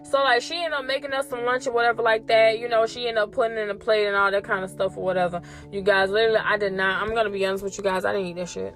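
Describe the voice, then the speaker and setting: A young woman host telling a story in a casual, animated way, swearing often and talking straight to her listeners. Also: medium pitch, fast talker, hardly any pauses, soft background music. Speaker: podcast host.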